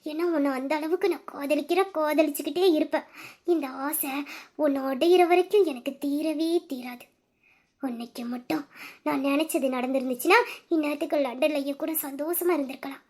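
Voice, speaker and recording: A woman playing an obsessive young woman who schemes to win back her lover, speaking low and slipping into menacing whispers. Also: brisk, close to an everyday voice. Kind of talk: audio drama acting.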